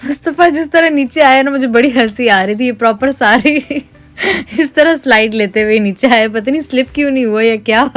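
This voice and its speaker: A woman's voice: sits high, brisk. A young woman narrating a casual family vlog as a chatty, cheerful mother, switching between Hindi and English. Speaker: lifestyle vlogger and mother. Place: outdoor county fair.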